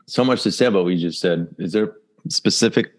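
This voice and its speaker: A man's voice: low-pitched, a little fast. A man speaking as a guest on a podcast, talking reflectively with "you know" fillers and frequent laughter. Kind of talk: casual conversational interview.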